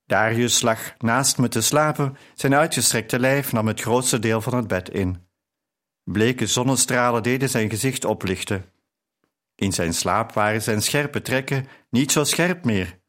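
Male audiobook narrator, measured and even reading of a novel. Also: medium pitch. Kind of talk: scripted narration.

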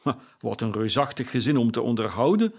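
A man's voice: mid-range voice, expressive, brisk, gravelly, a little mellow, breathy edge. A man doing Scrooge, a humbled old miser. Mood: meek. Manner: timid, submissive.

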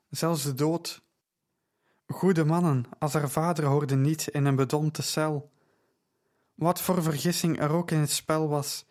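A man narrating an audiobook in a measured, steady storytelling manner. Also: a little high.

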